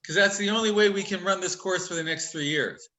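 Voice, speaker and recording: Bright, high-voiced jokey male instructor. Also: low-quality recording. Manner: chatty, upbeat, teasing jokes; talks quickly. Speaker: college instructor. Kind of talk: casual online class over video call. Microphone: video call.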